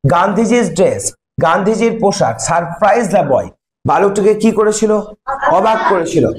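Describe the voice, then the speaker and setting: A man's voice: high-pitched, lively intonation, background noise. A man teaching an English lesson, explaining step by step, asking questions and answering them himself. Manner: reads English sentences slowly, then translates. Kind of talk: classroom lesson in Bengali.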